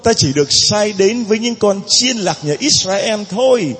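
Emphatic, husky-voiced male priest. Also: high-pitched, expressive, normal speed, a bit bright, in a large hall, faint music behind. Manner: dramatic, emphatic, rhetorical questions. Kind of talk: sermon. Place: church.

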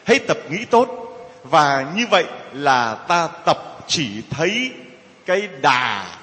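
A man preaching a sermon to a congregation, lively and conversational, acting out gossiping people in mocking voices. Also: on the high side, takes it slowly, big-room sound. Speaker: priest.

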